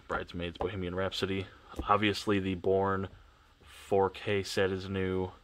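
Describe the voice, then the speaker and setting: With a low but fairly bright voice, a collector vlogger casually rambles through the shelves in his house, sniffling and congested. He talks offhandedly and keeps correcting himself, filmed on a camera on a tripod.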